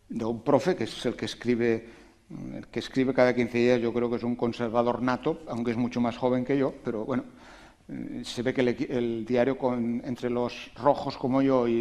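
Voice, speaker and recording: An invited speaker on education, a man with a medium-pitched voice, addresses an audience in a public talk. He is animated and emphatic, posing rhetorical questions and slipping in conversational asides.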